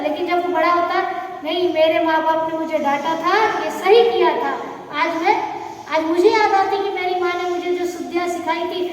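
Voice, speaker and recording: A middle-aged woman, a nun, giving a scolding sermon in a temple hall, asking questions and answering them herself. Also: very high-pitched. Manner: scolding, emphatic, asks and answers her own questions. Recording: echoey hall from far off with faint noise.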